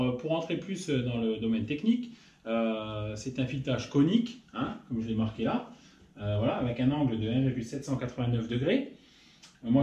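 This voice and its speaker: A man hosting his own workshop channel, explaining machining in a casual technical tutorial, often pausing with fillers. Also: mid-range voice, a little mellow, muffled recording. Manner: hesitant, many filler pauses. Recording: roomy echo.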